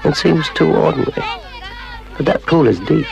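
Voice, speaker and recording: An actor playing a menacing male water spirit in a public information film, speaking with slow, gloating menace. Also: crowd noise. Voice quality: deep gravelly voice.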